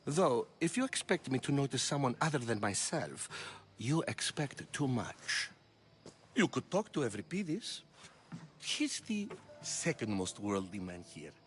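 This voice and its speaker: A man's voice: mid-range voice, big pitch swings, unhurried, faint music behind. An actor playing a vain, pompous male dramatist in a video game. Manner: pompous, self-admiring, grand. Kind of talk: video game character dialogue.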